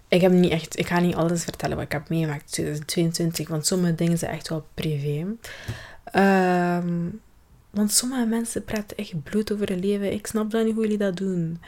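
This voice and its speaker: A woman's voice: fairly low pitch, a little mellow. Flemish young woman, rambling podcast talk. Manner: rambling, searches for words, fillers and restarts. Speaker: podcast host. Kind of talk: personal year-in-review podcast.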